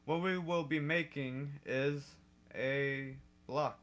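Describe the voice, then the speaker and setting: A man's voice: fairly high pitch, steady tone, takes it slowly, fairly bright tone. A young man hosting a casual coding tutorial, chatty and correcting himself as he goes, with typing behind him. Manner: chatty and self-correcting, laughs at own slips. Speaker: modding tutorial host. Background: keyboard typing.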